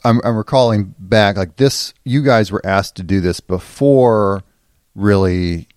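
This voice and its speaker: A man with a very low voice hosts a relaxed podcast conversation, chatty and loose, often restarting his sentences. The recording is dry and close, with no room sound. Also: a little slow, no room sound. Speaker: podcast host. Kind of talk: casual podcast discussion.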